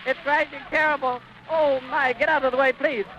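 A man's voice: very high-pitched, fairly even intonation, normal speed, sharp tone. A man reporting live on radio from an airfield, distraught and out of breath, stammering and crying out. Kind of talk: live on-scene radio commentary. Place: outdoors at an airfield. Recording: muffled noisy 1930s archive recording.

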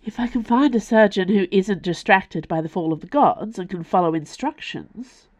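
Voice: mid-range voice, moderate pace, close to an everyday voice. A storyteller voicing an anxious, determined mother who speaks impatiently and urgently.

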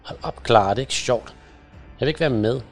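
A frightened but defiant young girl, voiced by a man reading aloud, insisting she isn't scared. The voice carries a low, gravelly texture over quiet music. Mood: angry.

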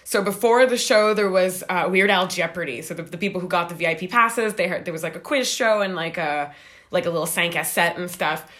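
A young woman from Canada telling a long story in a rambling, animated way, acting out what people said. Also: on the low side, fairly quick. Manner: animated, rambling, acts out quoted voices. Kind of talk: casual storytelling.

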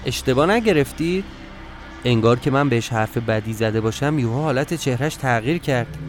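A man narrating a first-person story for a podcast in a calm, measured, matter-of-fact way. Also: mid-range voice, faint music behind.

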